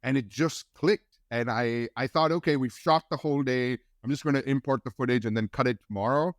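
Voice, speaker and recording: A man in his forties from India, a guest on a podcast, telling his story in a relaxed, rambling way with many restarts. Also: mid-range voice, brisk, dry recording, clean studio sound. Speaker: guest film editor. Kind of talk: casual podcast interview.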